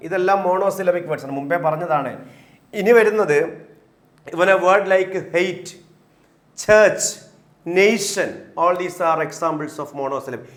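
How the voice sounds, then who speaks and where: A man's voice: high voice, roomy sound. A man teaching an exam-prep lecture, repeating points and asking and answering his own questions.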